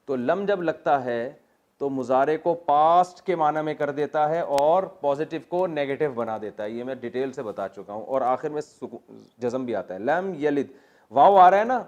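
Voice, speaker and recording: A middle-aged man, teaching Quranic Arabic grammar. He spells out word forms slowly, repeats them, and drops in joking asides. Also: medium pitch, a little mellow, highs cut off. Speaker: religious teacher.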